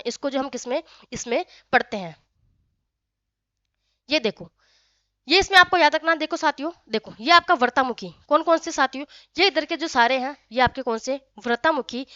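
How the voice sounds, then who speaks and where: A woman teacher giving a grammar lesson, often quizzing her students and sounding out vowels slowly. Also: high-pitched, sharp tone, dry recording, lo-fi sound. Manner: frequent questions to students, addresses them as friends.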